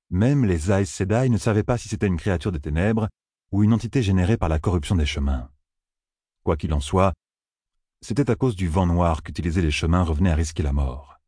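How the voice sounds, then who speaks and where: A male audiobook narrator telling a fantasy tale in a measured way. His voice is very deep, dark and husky. The sound is close and dry. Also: no room sound.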